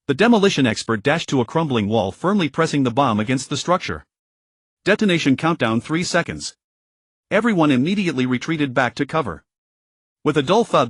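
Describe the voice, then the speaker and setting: Dry steady male audiobook narrator. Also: medium pitch, no echo.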